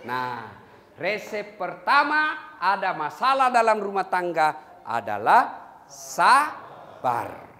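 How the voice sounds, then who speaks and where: A male Indonesian preacher giving a lively sermon, joking with the congregation and now and then breaking into song. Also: high-pitched, slow, a little hiss or hum. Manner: animated, jokes with the crowd, breaks into song. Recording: echoey hall with long reverb.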